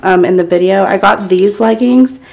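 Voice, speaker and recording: A woman's voice: medium pitch, normal speed, gravelly, a little mellow. A young woman, talking casually to camera in a lifestyle vlog, chatty and upbeat, with many fillers. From Texas. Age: young adult. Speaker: vlogger. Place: parked car, then small bedroom doorway.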